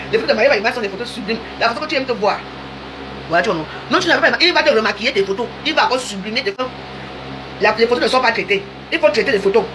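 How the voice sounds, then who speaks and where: A woman, rambling and teasing in a casual live-stream rant. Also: on the high side. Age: 50s. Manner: chatty, rambling, teasing, addresses viewers directly. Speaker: social media live streamer. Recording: noisy live-stream audio.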